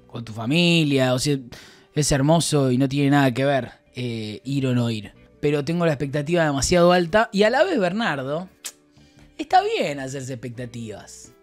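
A man with an Argentine accent chatting casually on a stream, reading out messages and rambling with crude, joking banter. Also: medium pitch. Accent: Argentine Spanish.

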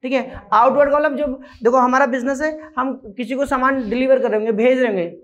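High-voiced male teacher quizzing students. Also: steady tone, fast talker. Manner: drills rules by repeating them and quizzing students. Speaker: accounting teacher. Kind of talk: classroom lecture. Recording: dull lo-fi recording.

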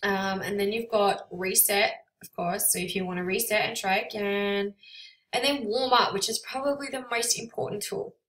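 A woman giving a relaxed, chatty software tutorial with frequent ums, recorded on a built-in computer microphone without a proper mic. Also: medium pitch, normal speed. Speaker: photographer selling presets. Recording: tinny, echoey sound without a proper microphone.

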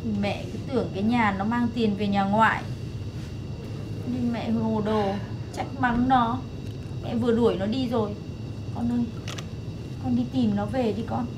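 A woman's voice: steady tone, unhurried, long pauses, background noise, lightly acted. An actress playing a suspicious, scolding middle-aged mother-in-law in a TV drama. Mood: remorseful. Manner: scolding, shrill when angry. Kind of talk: TV drama acting.

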